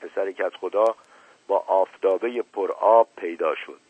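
A man narrating a scripted radio story in a measured, unhurried reading, heard on a lo-fi radio recording. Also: low-pitched, slightly rough, dry recording.

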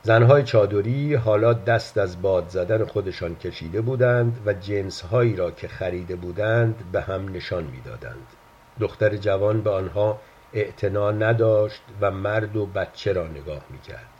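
A man reading a literary story aloud in a calm, measured, quiet way. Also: on the low side, a little hiss or hum. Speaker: narrator. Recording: dull lo-fi recording.

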